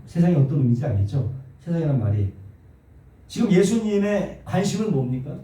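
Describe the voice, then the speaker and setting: A male pastor preaching a sermon in a church, animated and full of rhetorical questions to the congregation. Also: fairly high pitch, fairly quick. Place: church sanctuary. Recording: very echoey church hall, distant mic.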